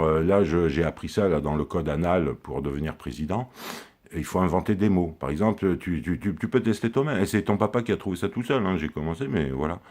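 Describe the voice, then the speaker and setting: A man with a very low, deep voice delivers a rambling comic monologue. He drifts from one crude joke to the next in a confiding tone, as if talking to his daughter. The voice is close to a handheld camera. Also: darkish tone. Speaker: comic character sending a video message to his daughter.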